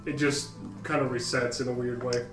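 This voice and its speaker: A man's voice: mid-range voice, level tone, moderate pace, over music. A man running a tabletop game as game master, talking loosely with fillers and laughs. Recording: roomy, distant mic, background noise.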